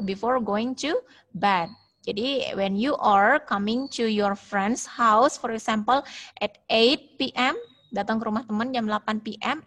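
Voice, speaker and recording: A woman's voice: a little high, a bit bright. Indonesian woman teaching English online. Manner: explains at length, repeating and modelling phrases slowly. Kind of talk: online class lesson, mixing Indonesian and English. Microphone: video call.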